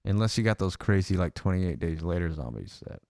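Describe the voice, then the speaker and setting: A man's voice: deep voice, sing-song, a little fast, gravelly, darkish tone, dry recording, clean studio sound. A young man co-hosting a podcast in casual chat, hesitant with lots of fillers and restarts. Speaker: podcast co-host.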